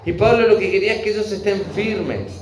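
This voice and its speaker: A man preaching a verse-by-verse Bible sermon, earnest, often pausing to check in with his listeners. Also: sits high, slight background noise. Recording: echoey room with faint ambience.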